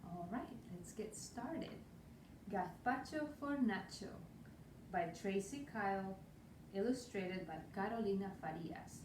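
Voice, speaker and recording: A storytime reader from Spain, with a clear Spanish accent and a medium-pitched voice, reads a picture book aloud to children, lively and rhythmic but unhurried, dropping in Spanish words. She sits some distance from a far camera mic in a small room with a roomy echo, and a faint hiss lies beneath her voice.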